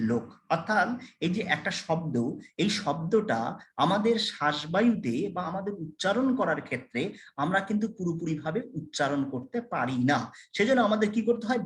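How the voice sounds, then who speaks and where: A man lecturing a college class, explaining slowly, repeating key terms and putting questions to his students. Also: high-pitched, fairly bright tone, reverberant.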